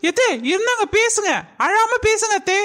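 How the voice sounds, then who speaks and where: A woman's voice: extremely high pitch, normal speed, fairly bright tone. A woman voicing a young daughter-in-law who fusses, soothes and frets in a cartoon. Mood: soothing. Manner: soothing, then fretful. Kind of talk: cartoon voice acting.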